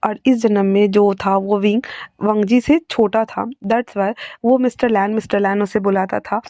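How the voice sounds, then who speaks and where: Woman storyteller, casual chatty narration, mellow tone, dry close sound. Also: mid-range voice, steady tone, normal speed, no room sound. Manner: chatty, with fillers and asides.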